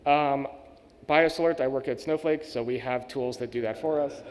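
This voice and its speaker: A man giving a technical conference talk and answering questions, speaking casually with many "like"s. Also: medium pitch. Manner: casual, quick, uses "like" and "sort of" often. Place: conference hall. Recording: reverberant conference hall.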